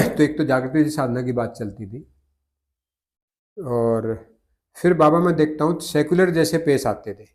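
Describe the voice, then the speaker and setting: An older man, a guest in a conversation, remembers the past in a measured, reflective way and often corrects himself mid-sentence. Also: on the high side. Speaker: interview guest. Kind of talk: reminiscing conversation.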